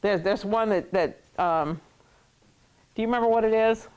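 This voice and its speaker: A woman leads a classroom lesson in a playful way. Her voice sits at a middle pitch, and she laughs often and jokes with her students. She repeats words to drill them. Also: moderate pace, darkish tone, clean tone. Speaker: Hebrew teacher.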